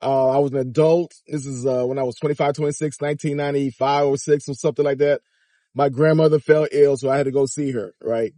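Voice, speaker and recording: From his car, a fifties-aged man from Miami, Florida, delivers a chatty, animated commentary vlog straight to his viewers. His mid-range voice moves fast, with no echo, recorded on a phone or dash camera at arm's length.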